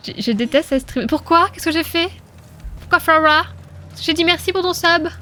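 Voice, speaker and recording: High-voiced playful woman streamer. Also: normal speed, pushed and bright, soft background music. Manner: playful, chatty, laughs often. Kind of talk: casual live gameplay commentary.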